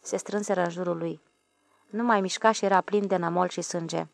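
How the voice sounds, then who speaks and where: A woman narrating an audiobook in a steady, measured reading. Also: lowish voice, gravelly, no echo. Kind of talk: scripted narration.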